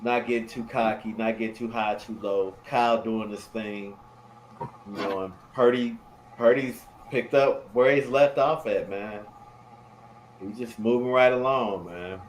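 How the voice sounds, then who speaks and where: Laid-back male podcast co-host, lowish voice, roomy echo with faint hiss. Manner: laid-back, drawn-out, trails off with "man". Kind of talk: casual sports chat.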